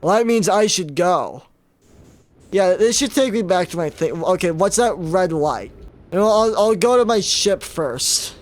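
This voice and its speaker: A man's voice: sits high, lively intonation, normal speed. A young man giving casual, joking commentary as he plays a game and talks to himself. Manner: joking, self-talk. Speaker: gaming YouTuber.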